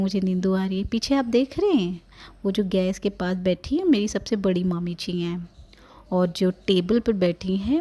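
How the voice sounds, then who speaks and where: A woman's voice: mid-range voice, mellow, close to an everyday voice. A woman voicing a sassy, complaining newborn baby girl, narrating a family vlog in a playful, teasing voice-over.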